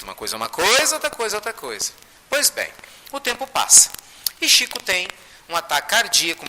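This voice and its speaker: A man giving a spiritist talk to an audience, telling a story in an animated way with many tag questions. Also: on the high side. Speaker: spiritist lecturer. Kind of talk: storytelling sermon. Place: lecture hall with audience. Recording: reverberant hall, faint noise.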